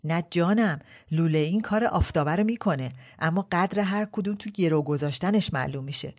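A quick-tempered older noblewoman from a storybook, put on by a woman reader, full of biting retorts. Her voice sits low and dark, and she scolds with raised force. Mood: scolding, indignant.

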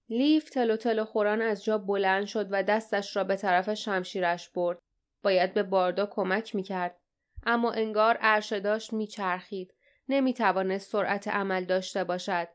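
A woman narrating an audiobook in a steady, dramatic storytelling style. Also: mid-range voice, clean tone. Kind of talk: scripted narration.

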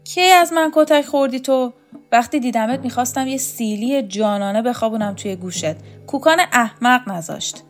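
Woman doing a shrill scolding bossy woman. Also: few pauses, soft background music, natural voice. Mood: contemptuous. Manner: shrill, loud, insulting.

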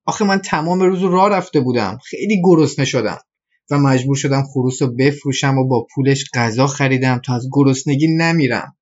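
A meek, apologetic village husband from a storybook, as a woman reads him in a lowered voice. He sounds sheepish and a little distant. The recording is slightly muffled. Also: a little mellow. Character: simple-hearted village husband Hans, middle-aged man.

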